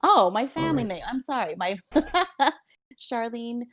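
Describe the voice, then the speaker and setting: A woman's voice: on the high side, very animated, moderate pace, fairly bright tone, no room sound. A young woman from the United States, a guest in a casual chat, talking in a friendly, chatty way and laughing often.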